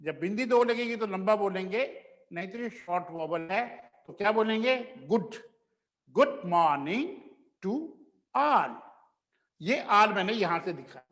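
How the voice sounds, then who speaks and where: Guy teaching a class, high voice, drags out example phrases, echoey room with a long reverb. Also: a bit bright. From India. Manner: slowly spells out example phrases, mixing Hindi and English. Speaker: English teacher. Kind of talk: classroom lesson.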